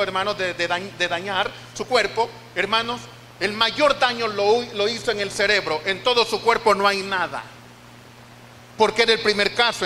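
An older Costa Rican pastor delivers a heartfelt sermon testimony, telling his story emotionally and repeating phrases as he goes. His voice is high and bright. A long church-hall reverb surrounds him, with a faint hiss in the background.

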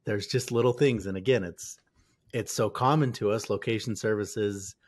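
A man's voice: fairly low pitch, normal speed. A man co-hosting a podcast, musing loosely about privacy risks in casual chat. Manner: musing, loose, restarts phrases. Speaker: podcast co-host.

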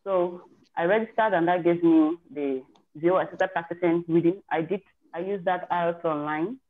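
A woman with a fairly low voice, speaking a little fast, tells a group on a video call how she prepared for and passed her exam. The audio is tinny and phone-like, and she's chatty and candid, often restarting and correcting her sentences.

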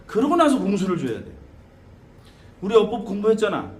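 A man teaching students as a shaman teacher, lecturing in an animated way with frequent tag questions and laughter. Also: sits high, brisk. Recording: echoey room with faint background noise.

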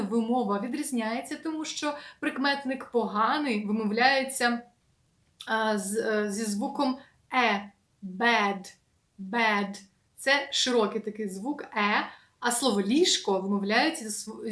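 A woman teaching an English lesson in a casual, patient way, slowly repeating words with many fillers. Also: a little high, fairly bright tone, echoey room.

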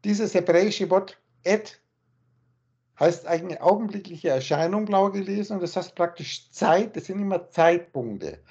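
A man on a video call, explaining spiritual texts in a rambling, circling way, repeating words and slowing down to stress single ones. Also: high voice, expressive, darkish tone, husky. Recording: muffled call audio.

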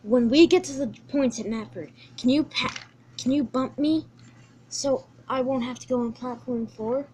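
A woman's voice: high-pitched, moderate pace, darkish tone, a little hiss or hum, close to an everyday voice. A woman voicing a cheeky young male tank engine in a homemade story. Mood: scheming. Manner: scheming, then sheepish.

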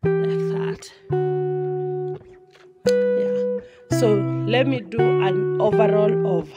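Loud music plays over this woman as she talks very slowly in a mid-range voice. She's a twenty-something vlogger with a Kenyan accent, chatting casually and animatedly in a small room at home, mixing in Swahili and searching for words.

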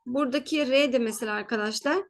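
A woman teaching German pronunciation in a patient spoken lesson, repeating each word slowly, checking in often, and fixing her own slips as she goes. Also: fairly high pitch, faint music behind.

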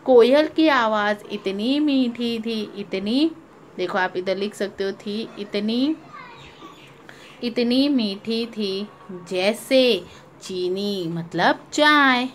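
Woman teacher for young kids, slightly high voice, very slow, repeats and quizzes, faint hum behind. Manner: repeats and asks questions to young pupils. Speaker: primary school teacher. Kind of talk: children's lesson, story reading.

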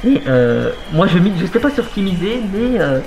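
A man's voice: sits high, big pitch swings, moderate pace, gravelly, very noisy. A young man presenting a challenge vlog energetically, speaking through a face mask. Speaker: video host. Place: inside a large video game shop. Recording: roomy shop echo, loud background music.

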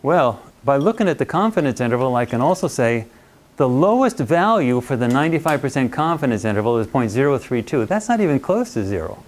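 A man's voice: mid-range voice, big pitch swings, brisk. A man giving a university lecture in a conversational, playful way, often checking in with his students. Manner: playful, acts out little quoted voices. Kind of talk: classroom statistics lecture.

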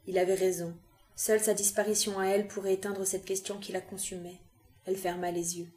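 A woman reading a novel aloud with calm, even narration. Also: mid-range voice, brisk. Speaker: reader.

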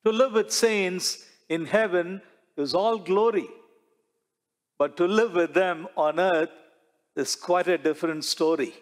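A long church reverb trails each phrase as a middle-aged man preaches into a lapel mic in a large sanctuary. He is a priest with a slightly high male voice, and his delivery is slow and deliberate, leaning on rhetorical questions and gestures.

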